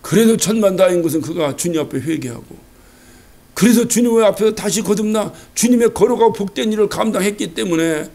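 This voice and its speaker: High-pitched, gravelly Korean pastor preaching. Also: male voice, fairly quick. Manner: animated preaching with rhetorical questions and acted quotes. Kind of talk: sermon. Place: church sanctuary.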